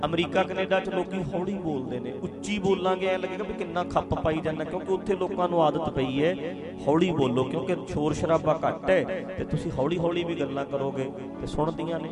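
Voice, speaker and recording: A woman's voice: deep voice, a little fast. A woman giving a spiritual teaching talk. She explains patiently, repeats her phrases and addresses her listeners directly. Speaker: spiritual speaker. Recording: music playing behind the voice. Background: music.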